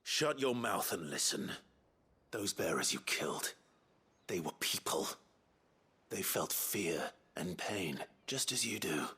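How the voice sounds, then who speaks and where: An actor playing a stern, defiant young warrior with a raspy voice, grim and measured. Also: male voice, sits low, big pitch swings, pushed and bright, exaggerated voice. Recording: game audio under faint music.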